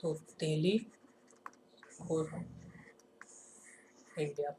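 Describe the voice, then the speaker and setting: A man teaching a lesson in a classroom style. He keeps asking rhetorical questions and answering them himself, and he slows down to stress each example sentence. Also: on the high side, steady tone, dark tone, a little hiss or hum.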